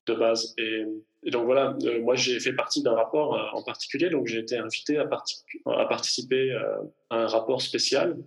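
A man's voice: medium pitch, fairly even intonation, fairly quick, creaky, low-quality recording. A man in his thirties from the French Alps, a climate scientist answering interview questions with many fillers and restarts. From Hautes-Alpes, France. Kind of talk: podcast interview.

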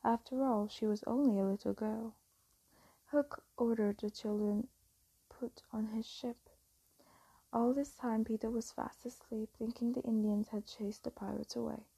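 A woman telling a fairy tale as a soft, slow, whispered bedtime story reading. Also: a little high, fairly even intonation, gravelly, breathy edge, dry recording, rough recording.

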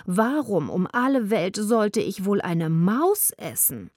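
Woman putting on a slow, drawling grand lady cat. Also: medium pitch, big pitch swings, a little mellow, dry recording, clean studio sound, exaggerated voice. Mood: offended.

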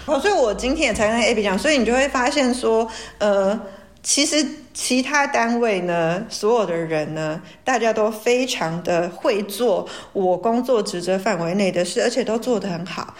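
A woman's voice: medium pitch, moderate pace. A woman with a Taiwanese Mandarin accent speaking as a guest in a casual conversation about work. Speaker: guest talking about her job. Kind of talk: casual chat.

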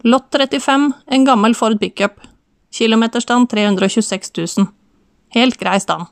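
Woman reading a brisk Southern Norwegian male auctioneer for an audiobook, chatty wry patter, dry studio sound. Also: very high voice, creaky, clean tone, dry recording.

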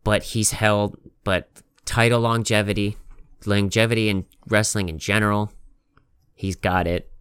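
A man's voice: on the low side, level tone, a little slow, fairly bright tone, clean tone, dry recording, studio quality. A man hosting a casual podcast chat. He talks in an emphatic, rambling way and swears a lot. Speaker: podcast host.

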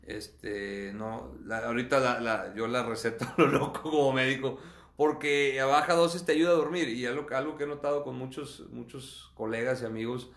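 A man talks fast and openly, tripping over and restarting his words as he goes. His pitch sits in the middle range for a man. The recording carries a noticeable room echo. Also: steady tone, fairly bright tone. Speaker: guest sharing his own experience. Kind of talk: candid conversational interview.

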